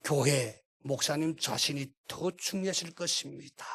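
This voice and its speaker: A man preaching a sermon from North Korea, telling a story with acted-out voices and sudden shifts from hushed to shouting. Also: on the high side, moderate pace, vocal fry, breathy edge. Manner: dramatic storytelling, acts out voices, swings from quiet to shouting. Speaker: pastor.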